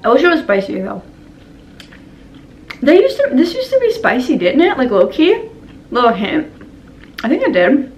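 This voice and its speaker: Eating on camera in her home, a mukbang vlogger, a young woman, chats with viewers, giggling and laughing with many "like"s. Her high voice swoops wildly in pitch at a moderate pace with frequent pauses, over poor audio with a little hiss or hum.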